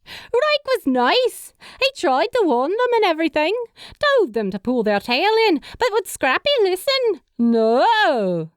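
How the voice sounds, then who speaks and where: A boisterous young spirit girl from a storybook, as a woman reader puts her on. Her voice shoots very high and swoops wildly, loud and bubbly. Every word is teasing. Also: very animated, normal speed, dry recording, studio quality, heavily acted.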